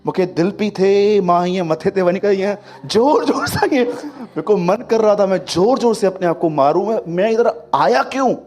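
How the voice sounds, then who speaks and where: A man preaching a sermon, telling stories and swinging between loud and hushed delivery. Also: high-pitched, normal speed, hardly any pauses. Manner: lively storytelling, acting out quotes, swings from loud to hushed. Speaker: pastor.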